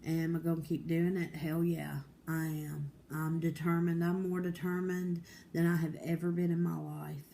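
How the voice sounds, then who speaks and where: Woman in her 40s, low mellow voice, candid home vlogger. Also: level tone, normal speed, gravelly, hardly any pauses, a little hiss or hum. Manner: candid, rambling, determined, with many fillers. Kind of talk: casual personal vlog.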